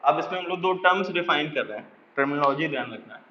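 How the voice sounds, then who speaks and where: A man with a high voice teaches chemistry, stopping again and again to check that his students follow and slowing right down to dictate key lines. The sound is dull and lo-fi. It rings with a long echo, as if recorded in a bare classroom. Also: animated. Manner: keeps checking understanding with repeated questions; mixes in English phrases, slows to dictate definitions. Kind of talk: classroom lecture.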